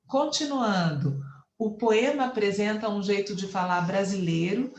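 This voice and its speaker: A woman's voice: mid-range voice, expressive, measured pace, darkish tone, reverberant. A Brazilian woman teacher with a Brazilian Portuguese accent, explaining a lesson patiently and counting syllables aloud. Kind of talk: online class lecture.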